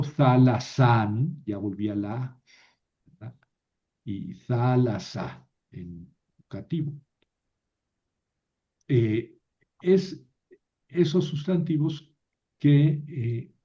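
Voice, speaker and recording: A man gives a slow, unhurried Greek grammar lecture. He pauses, repeats words and corrects himself as he goes. The recording sounds dull and lo-fi. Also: mid-range voice. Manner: halting, repeats and corrects himself, asks "verdad?". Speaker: teacher of biblical Greek.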